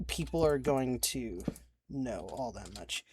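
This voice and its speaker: A man's voice: medium pitch, lively intonation, takes it slowly, darkish tone, slight background noise. A young man narrating his video game, rambling and frustrated, swearing and restarting his sentences. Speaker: let's-play creator. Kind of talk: game commentary. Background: faint keyboard clicks.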